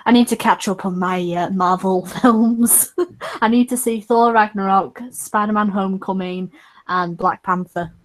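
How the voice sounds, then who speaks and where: A woman's voice: medium pitch, steady tone, measured pace. A woman in her twenties chatting casually on a stream, rambling with frequent laughs. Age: 20s. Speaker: streamer hosting a chat.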